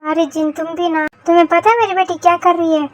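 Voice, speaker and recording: A woman's voice: very high-pitched, steady tone, fast talker. A woman voicing a strict, bossy mother who scolds her daughter in a fan-fiction voice story. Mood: scolding.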